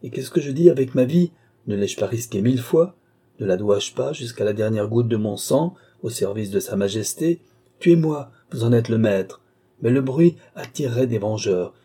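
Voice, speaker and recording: Guy doing a huffy stubborn police chief, dark husky voice, audiobook. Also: mid-range voice, expressive, moderate pace. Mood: defiant. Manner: indignant, defiant, loud. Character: proud, stubborn older male police chief.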